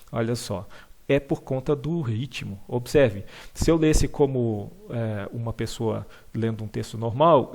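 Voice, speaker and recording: Over slides, a male teacher patiently explains a lesson, using many fillers and check-ins like "tá bom?", and slowly reads lines of verse aloud. His voice is medium in pitch, gravelly, and a little mellow.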